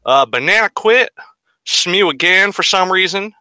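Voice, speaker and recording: A man reading a list in a deliberately bad, put-on American Southern accent, drawing the words out. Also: sits high, animated, bright, forceful tone, no echo, voice pushed up, exaggerated voice. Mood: mock-serious. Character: man reading a list in an exaggerated hick drawl.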